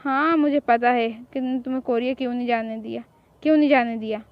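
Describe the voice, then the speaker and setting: A woman voicing a coaxing, teasing young man in a homemade audio drama, sweet-talking his way forward. The voice is high, and the recording is muffled and lo-fi. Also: fairly even intonation, quick pace, no echo, natural voice. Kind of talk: hobby fan drama.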